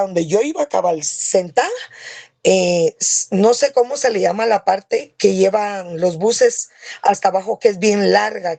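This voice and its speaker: A woman tells a church testimony in an earnest, storytelling way and keeps checking in with her listeners. Her voice is warm and mellow. The sound is dry and close, as on a video call. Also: medium pitch, creaky, dry recording. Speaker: church member giving a testimony. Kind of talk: spoken testimony.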